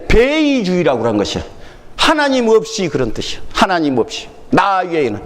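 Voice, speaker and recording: A man's voice: sits high, big-room sound. A man preaching a sermon as pastor, speaking with a Jeolla accent and telling stories with humor, quizzing his congregation and laughing along. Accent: Jeolla dialect. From Jeolla region, Korea. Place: church sanctuary.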